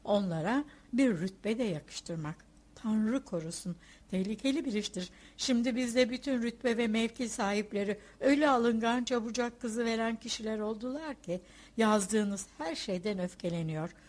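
Female reader as fussy, offended provincial lady; shrill, huffy storybook complaint. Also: normal speed, darkish tone, natural voice. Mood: indignant.

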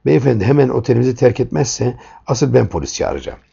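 Guy doing a big polite hotel security man, measured and stern, raspy and gravelly. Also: mid-range voice, animated, warm tone, heavily acted. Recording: dull lo-fi recording.

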